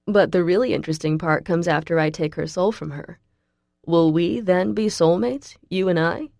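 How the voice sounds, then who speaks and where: A woman voicing a sadistic male fallen angel who speaks in a smooth, mocking, falsely sweet way. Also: fairly low pitch, normal speed, a little mellow, no room sound, studio quality. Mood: gloating.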